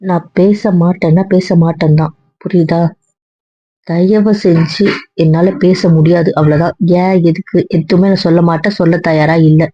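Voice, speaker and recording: A woman's voice: fairly low pitch, steady tone, normal speed, mellow, close to an everyday voice. Woman as a stubborn young wife, earnest pleading, dull lo-fi audio drama. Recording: dull dry lo-fi sound.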